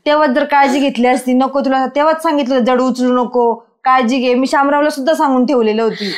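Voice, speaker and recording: A caring rural woman, played by a woman, in a village web drama. Her voice is high, and she chides and consoles in the same breath. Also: fairly even intonation, fast talker, natural voice. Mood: chiding. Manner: chiding yet comforting.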